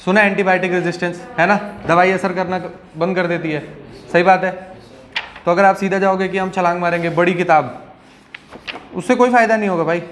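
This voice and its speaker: A man's voice: high voice, fairly even intonation, fairly quick, fairly bright tone. A male teacher giving a classroom lecture in a conversational way, often checking in with his students.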